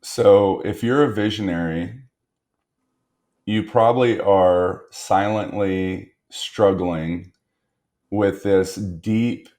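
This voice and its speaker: Speaking slowly in a low, darkish voice, this man appears as a guest entrepreneur on a business podcast interview. He reflects on what he has learned and leans on repetition to stress his points.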